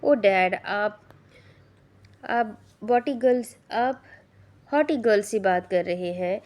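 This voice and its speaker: A woman's voice: mid-range voice, animated, normal speed, a little mellow, natural voice. Cheeky little storybook boy, teasing and sulky, read by a woman narrator. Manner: chirpy, teasing.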